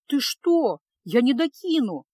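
A squeaky, flustered young apprentice witch, voiced by a woman narrator, protests in a raised, high voice. She sounds frightened and keeps objecting, her voice pitched well above the narration. The audiobook recording is dry and close. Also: very animated, moderate pace, fairly bright tone, no echo.

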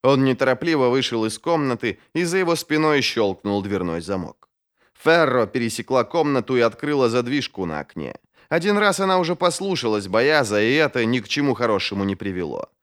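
A man narrating a fantasy audiobook in a dramatic, expressive way. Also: medium pitch, brisk. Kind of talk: scripted narration.

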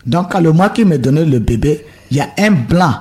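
A man from Burkina Faso telling his conversion testimony in an interview, halting and repeating himself as he acts out the dialogue. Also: fairly high pitch, lively intonation, warm tone, slightly rough. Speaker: guest giving a conversion testimony. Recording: radio studio.

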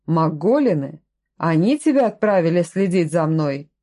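A woman's voice: lowish voice, expressive, moderate pace, mellow. A woman voicing a stern, curt suspicious man. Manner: curt, commanding, distrustful.

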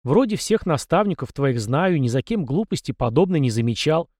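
A man reading an audiobook and voicing a stern middle-aged commander who scolds and scorns his young charge in a loud, raised voice. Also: a little high, big pitch swings, normal speed, no room sound, clean studio sound. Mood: contemptuous. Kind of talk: audiobook character voice.

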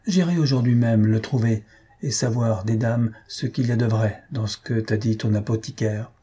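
A man's voice: medium pitch, steady tone, moderate pace, mellow, slightly rough, close to an everyday voice. A man reading aloud, voicing a stern, irritable elderly aunt who scolds her nephew. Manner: scolding, indignant.

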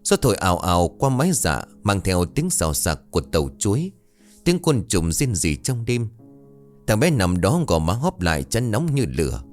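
A man narrating a scripted ghost story in a dramatic, expressive way. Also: on the low side, moderate pace, faint music behind.

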